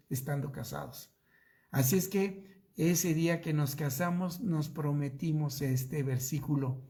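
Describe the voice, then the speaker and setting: A middle-aged pastor with a Mexican accent tells a personal story during a Bible study sermon, drawing it out slowly and acting out the dialogue. His voice is a little high and a little mellow.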